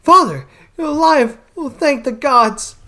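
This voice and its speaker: A man voicing an excitable, dramatic young woman, a wizard's daughter, in a high falsetto while reading game dialogue. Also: unhurried, full character voice. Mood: distraught. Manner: high, breathless falsetto cries.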